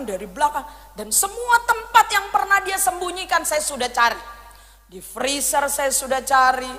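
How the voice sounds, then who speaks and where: A woman in her thirties preaching a sermon, telling a personal story in a lively way and acting out her own pleas. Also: sits high. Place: church hall. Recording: long church hall reverb.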